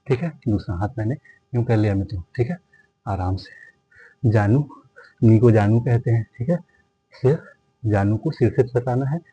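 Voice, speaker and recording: Fast-talking man guiding a yoga class. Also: medium pitch, mellow, husky, no room sound, rough recording. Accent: Hindi. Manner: addresses viewers as friends repeatedly, counts breaths; reassuring, tells listeners to rest and not strain. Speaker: yoga instructor. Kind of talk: guided yoga class instruction.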